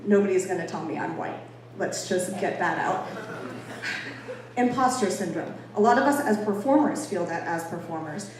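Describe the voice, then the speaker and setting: In an echoey indoor venue, with a crowd audible in the background, a woman from Boston speaks at a moderate pace in a lowish, animated voice. Her informal talk is emphatic and conversational, laced with playful self-deprecation. The mic is distant, the room reverberant, and faint noise lingers.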